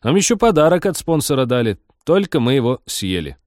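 A man voicing a brash, tipsy young spaceship pilot who talks slangy and loud. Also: mid-range voice, sing-song, a little fast, no room sound, clean studio sound, pitched above the performer's own voice, natural voice. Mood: boastful. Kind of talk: audiobook character voice.

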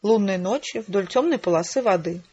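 A woman's voice: medium pitch, animated, normal speed, darkish tone, husky, dull audio. Woman narrating an audiobook. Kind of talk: scripted narration.

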